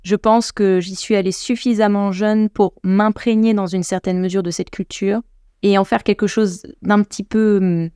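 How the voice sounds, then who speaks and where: A woman's voice: mid-range voice, steady tone, normal speed, dark tone, smooth, no echo, studio quality. A woman from France hosting a podcast, talking in a casual, enthusiastic way and speaking straight to her listeners. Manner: enthusiastic, addresses listeners directly. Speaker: podcast host. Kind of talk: casual spoken podcast talk.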